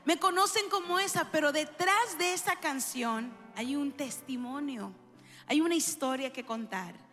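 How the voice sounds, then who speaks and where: A middle-aged woman from New York, a worship singer, giving her testimony to a church audience, engaging and warm, often questioning the crowd. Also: high-pitched, a little slow. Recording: echoey hall with soft music.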